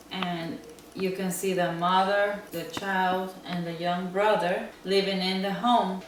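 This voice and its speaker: A woman from Central America answering interview questions, slow and thoughtful, often pausing with ums. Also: mid-range voice, a little hiss or hum. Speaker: interviewed designer. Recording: echoey room, mic at a distance.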